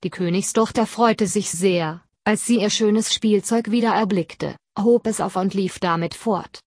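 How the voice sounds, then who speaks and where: A woman reads a fairy tale aloud in an even, plain manner and even speaks the punctuation marks. Her pitch sits in the middle of the usual range. The recording is dry and close. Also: unhurried, husky, no echo. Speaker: narrator.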